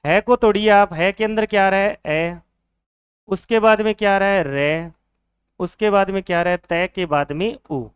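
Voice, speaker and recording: High-voiced Hindi grammar teacher, quizzing. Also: male voice, moderate pace, smooth, no room sound, studio quality. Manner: asks questions and answers them himself, repeating key words. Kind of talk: exam-prep grammar lesson.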